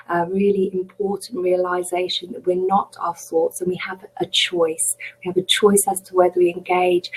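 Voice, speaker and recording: A woman teaching mindfulness in a live webinar, speaking gently and reassuringly as she leads a guided meditation. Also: medium pitch, slightly rough, poor audio. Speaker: mindfulness coach. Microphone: webcam or computer mic on a video call.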